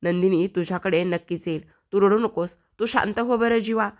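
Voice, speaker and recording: A woman's voice: medium pitch, normal speed, darkish tone, lightly acted. A woman voicing a mother who soothes and reassures her grown son, retold from a TV serial. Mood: soothing.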